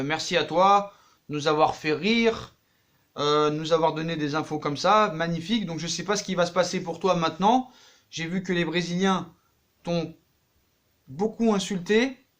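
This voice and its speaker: A man's voice: fairly high pitch, unhurried, pauses often. A man talking casually about football transfers in a vlog, acting out the people he talks about, with slangy jokes. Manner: animated, acts out the people he talks about, jokey street slang. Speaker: football vlogger.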